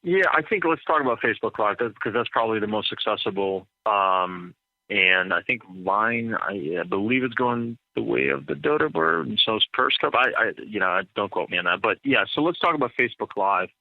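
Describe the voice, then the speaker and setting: Man, lower voice, casual podcast guest, many fillers, thin phone-like audio. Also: lively intonation, brisk, vocal fry, no echo. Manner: rambling, repeats words, lots of fillers. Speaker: guest DJ and entrepreneur. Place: in Atlanta.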